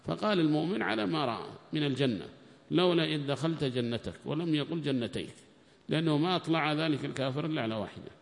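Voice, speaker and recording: A man teaching a lecture on scripture commentary. He reads the text aloud loudly, explains it more quietly, and quizzes his students. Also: on the high side, animated, quick pace, creaky. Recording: long reverberant hall.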